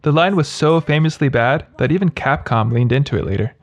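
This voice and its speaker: A man's voice: a little high, animated, fairly quick. A man narrating scripted humorous commentary as a video host, in a sarcastic, mocking manner.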